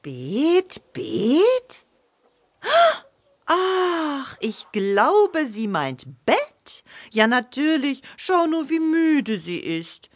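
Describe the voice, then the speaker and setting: A woman voicing a patient hen who keeps gently correcting the rooster, in a children's audiobook. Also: high voice, big pitch swings, heavily acted. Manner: gently correcting, soothing, unhurried. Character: patient, know-it-all hen, Serge's companion.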